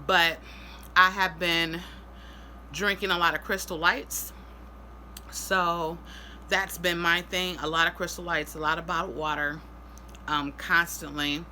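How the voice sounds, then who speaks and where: Woman vlogger, worn out and sore post-surgery, halting casual talk, bright voice, faint noise. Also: lowish voice, little pitch movement. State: tired and in pain after surgery. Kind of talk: casual personal health update vlog.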